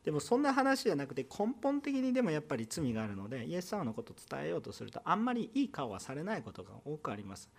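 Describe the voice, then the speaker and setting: A pastor with a Kansai Japanese accent preaches a sermon in a church, his creaky voice swooping wildly in pitch. He keeps things conversational, using rhetorical questions and quick asides to the congregation.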